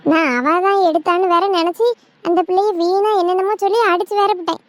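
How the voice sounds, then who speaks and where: A woman voicing a loud, quarrelsome village wife in a cartoon. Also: steady tone, fast talker, dry recording. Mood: scolding. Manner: scolding, shrill.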